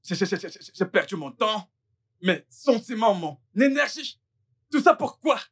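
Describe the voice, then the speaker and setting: A woman's voice: mid-range voice, sing-song, unhurried, slightly rough. A woman dubbing a furious, betrayed young man in a French film dub, stammering out angry threats. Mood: bitter.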